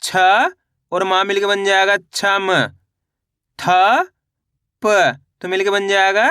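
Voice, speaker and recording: A man leads a reading lesson, slowly sounding out each letter and asking the listener to repeat after him. His voice is bright and smooth, recorded close on a dry mic with no room sound. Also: sits high, completely flat delivery, no room sound. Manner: patient, repetitive drilling with call-and-repeat prompts. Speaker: Hindi reading teacher.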